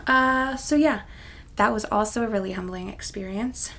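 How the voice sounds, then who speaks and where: In a chatty vlog, a craft channel host of roughly thirty-one talks casually with her audience, wandering off topic and making fun of herself. Her voice is medium-pitched and a bit bright, at a normal speed.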